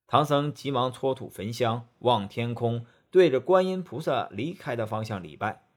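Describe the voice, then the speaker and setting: A man narrating a storybook tale in an expressive, animated way. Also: medium pitch, moderate pace.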